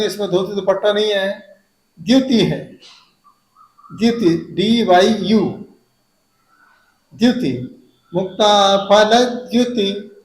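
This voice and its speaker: A male Jain monk with a high voice teaches hymn recitation in a devotional lesson, recorded in an echoey room. He is unhurried, drawing out the syllables of each verse slowly before explaining things in quick asides.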